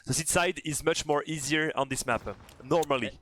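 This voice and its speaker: Brief: higher-voiced male co-caster, easygoing, explains the teams' choices between plays. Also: brisk, fairly bright tone, a little hiss or hum. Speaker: esports co-caster. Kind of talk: esports color commentary.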